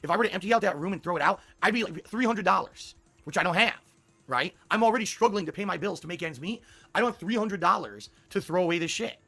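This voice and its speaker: Male streamer, hoarse and forceful, slightly high pitch, casual emphatic monologue. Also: animated, fast talker. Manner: profane, emphatic venting. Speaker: livestreamer.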